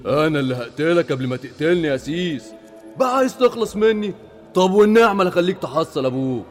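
A man putting on a gruff, boastful thug. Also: on the high side, sing-song, fast talker, soft background music, pitched below the performer's own voice. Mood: menacing. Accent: Egyptian. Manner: gruff, threatening, swaggering. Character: menacing male thug alter ego, boastful, tough.

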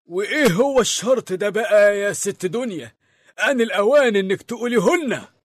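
A man's voice: high-pitched, animated, brisk, dry recording, studio quality. A man playing a cheerful elderly grandfather who welcomes his family in an Egyptian accent. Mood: questioning. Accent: Egyptian Arabic.

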